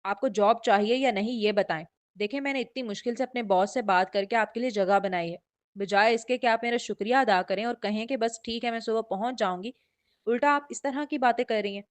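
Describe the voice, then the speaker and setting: A woman's voice: fairly high pitch, fairly quick, natural voice. A woman reading the lines of a stubborn, demanding young man who is the hero of a romance novel. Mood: insistent. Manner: demanding and insistent.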